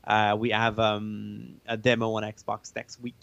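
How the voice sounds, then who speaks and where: A man speaking casually as an interviewed game developer, halting and often searching for words. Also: fairly low pitch, monotone, gravelly, a bit bright. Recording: roomy, band-limited dull sound.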